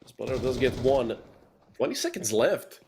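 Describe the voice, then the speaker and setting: A man casting a competitive shooter match solo, giving quick play-by-play with dry asides. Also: medium pitch, sing-song, darkish tone, a little hiss or hum. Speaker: esports caster.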